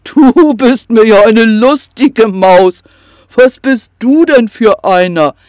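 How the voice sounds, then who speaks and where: A storyteller voicing a big fat male troll who roars with laughter and booms. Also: big pitch swings, slow, a little mellow, dry recording, clean studio sound. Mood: booming jolly. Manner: booming, guffawing.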